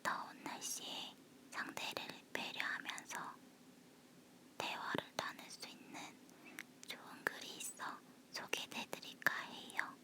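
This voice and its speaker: Up close to a phone, a woman leans in and chats in ASMR style. Her whisper is soft, breathy and unvoiced, and she keeps a measured pace.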